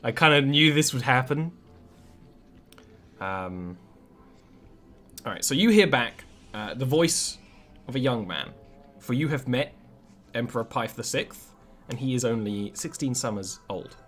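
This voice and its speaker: Man, game master. Casual improvised tabletop narration, middling pitch, hesitant delivery. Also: lively intonation, unhurried, pauses often, a bit bright.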